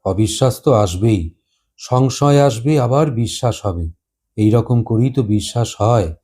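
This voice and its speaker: Male narrator, warm mellow tone, earnest devotional storytelling. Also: medium pitch, a little slow, husky.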